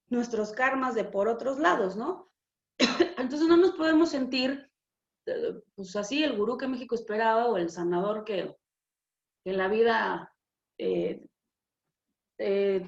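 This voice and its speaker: Frank Mexican woman, echoey room. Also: fairly high pitch. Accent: Mexican Spanish. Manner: frank, expressive, swears freely. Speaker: spiritual channel host. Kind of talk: casual spiritual talk. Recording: echoey room, dull lo-fi sound.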